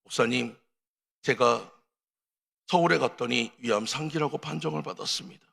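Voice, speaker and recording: A man voicing a sick, humbled older church elder who speaks low, quiet and pleading. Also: moderate pace, vocal fry, breathy edge, heavily acted. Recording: long reverb of a large hall.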